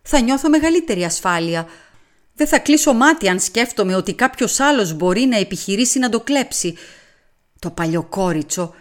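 A woman voicing a vain, wealthy lady who pleads tearfully in a shrill, emotional voice in a storybook reading. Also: lively intonation, natural voice. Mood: anxious.

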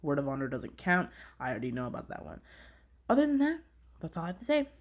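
A young woman hosting a casual weekly review podcast, animated and sweary, swinging from low mumbles to high squeals. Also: fast talker. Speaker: podcast host reviewing shows.

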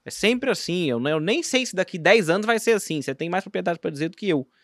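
On a casual podcast, a Brazilian man with a Brazilian Portuguese accent talks in a slightly high, expressive voice at a quick pace, swinging from loud bursts to low mutters. His rambling chat is full of slang and restarts, and the sound is close and dry with no echo.

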